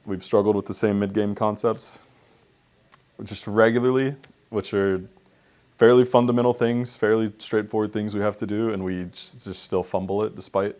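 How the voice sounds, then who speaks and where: Deep-voiced young guy coaching, kinda rambly, lots of um and like. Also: a little mellow. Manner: candid, rambling, frequent ums and likes. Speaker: esports head coach. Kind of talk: post-match interview.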